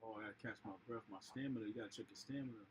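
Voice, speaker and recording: A man giving casual, excited running commentary while playing a boxing video game on a live stream, full of grunts and exclamations. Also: on the low side, racing, slight background noise, low-quality recording. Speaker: livestream gamer.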